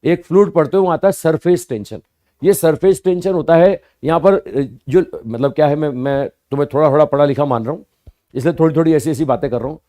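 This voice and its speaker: A man teaching physics to students, explaining slowly and repeating points, often asking rhetorical questions and answering them himself. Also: a little high, mellow. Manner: addresses students as "bhaiya" and "sahab". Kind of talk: classroom lecture.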